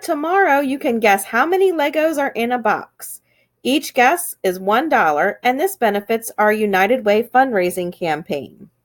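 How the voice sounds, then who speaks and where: A woman reading school morning announcements in an upbeat, sing-song way. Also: fairly high pitch.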